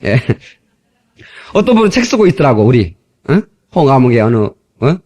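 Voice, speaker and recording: A middle-aged male pastor preaching emphatically, with shouted exclamations and calls to the congregation. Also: mid-range voice, sing-song, normal speed, muffled recording. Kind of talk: sermon.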